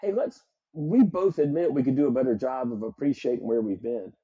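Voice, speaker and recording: A man's voice: medium pitch, a little fast, breathy edge, no room sound, phone-quality sound. A middle-aged man from South Carolina with a Southern accent, a psychologist speaking earnestly and reflectively as a podcast guest. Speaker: psychologist and performance coach guest. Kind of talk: podcast interview.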